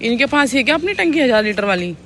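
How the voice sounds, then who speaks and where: A woman's voice: a little high, very animated, quick pace, background noise. A woman chatting casually to viewers and children at her village home while she films on a phone. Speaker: vlogger. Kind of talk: casual home vlog chat. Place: village house and rooftop, outdoors.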